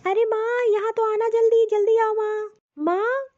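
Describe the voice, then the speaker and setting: Cartoon: woman doing a whiny spoiled daughter, very high, dark tone, lo-fi. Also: moderate pace. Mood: demanding. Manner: whiny, demanding. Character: spoiled young married daughter, demanding, whiny.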